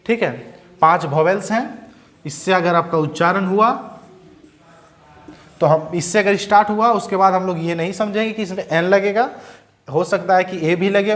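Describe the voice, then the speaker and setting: A young man teaching a grammar lesson, who asks questions and answers them himself and sounds words out slowly. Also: high-pitched. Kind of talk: Hindi-medium English grammar lesson.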